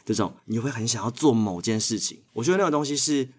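A man's voice: mid-range voice, quick pace, a little mellow, breathy edge. A man with a Taiwanese Mandarin accent, talking casually as a theatre performer and guest. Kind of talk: casual conversational chat.

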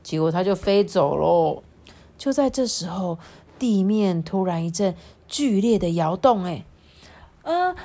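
A woman reading a children's picture book aloud, stretching out little sentence particles and sighing between lines. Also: mid-range voice. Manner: expressive, drawn-out particles like 啊 and 哦, sighing fillers. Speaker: storybook reader.

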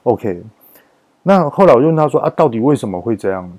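A man with a Taiwanese Mandarin accent talks through a story from his job in a loose, emphatic monologue. His voice sits in a mid register with a dark, mellow color. He leans on drawn-out particles at the ends of sentences to drive his points home. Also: mid-range voice, sing-song. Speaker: podcast host.

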